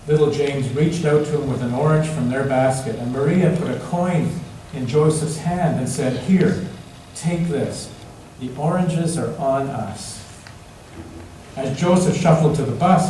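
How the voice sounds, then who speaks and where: In a large, echoey church, a man with a warm, mid-range voice reads a picture book aloud to young children during a service, repeating phrases and asking them simple questions. The recording is echoey, with a distant mic and faint noise.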